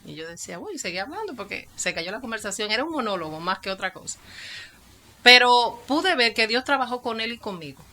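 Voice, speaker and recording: A woman with a Dominican Spanish accent, a pastor and psychologist, gives her testimony in an interview, storytelling as she acts out the dialogue she quotes. Her voice is on the high side, sing-song, fairly quick, bright and forceful.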